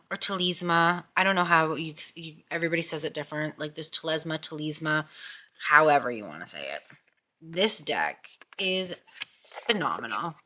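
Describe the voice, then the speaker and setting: A woman's voice: low-pitched, sharp tone. A middle-aged woman chatting casually about tarot decks, gushing and often repeating herself. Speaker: tarot vlogger. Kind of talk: casual chat.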